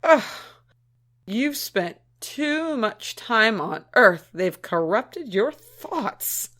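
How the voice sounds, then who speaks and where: A woman's voice: medium pitch, animated. A woman voicing a prim, skeptical female alien shipmate with a disdainful manner in an audio drama. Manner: disdainful, prudish, slow deliberate delivery.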